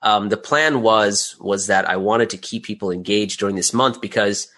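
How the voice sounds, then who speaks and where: A man with a fairly low voice speaks at a moderate pace, his tone pushed and bright. He's an interview guest, a creator walking through his process step by step in a conversational manner and tossing out rhetorical questions along the way.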